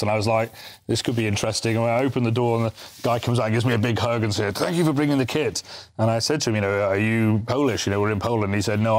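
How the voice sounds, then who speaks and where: A man from Britain, a charity volunteer guest, telling a story in a chatty, anecdotal way. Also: mid-range voice. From United Kingdom. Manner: chatty, anecdotal, with restarts and asides. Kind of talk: casual interview storytelling.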